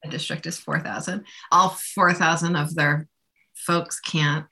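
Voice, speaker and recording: A woman's voice: deep voice, fairly even intonation, a little slow, pushed and bright. A woman state representative talking earnestly and casually on a radio show, with lots of fillers, from a remote call. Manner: earnest, chatty, many "like" fillers.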